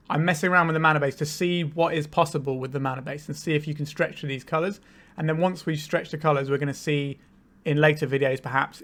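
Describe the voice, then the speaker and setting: A channel host with a cold, sounding a little tired, casually walks through his card game deck and thinks out loud while playing. His voice is slightly high and fairly bright.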